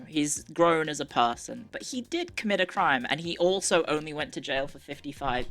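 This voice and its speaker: A young Irish woman whose accent blends Irish, English and Australian-tinged sounds chats casually on a live stream, reading aloud with wry asides and quick self-corrections. Her voice is deep with a fairly bright tone.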